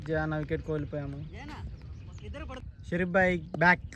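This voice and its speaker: A man's voice: on the high side, steady tone, normal speed, pushed and bright. A man with a Telangana Telugu accent giving amateur cricket commentary in Telugu mixed with English cricket terms, in short exclamatory calls. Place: outdoors at a cricket ground. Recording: outdoor match with crowd noise behind. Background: crowd and outdoor sounds.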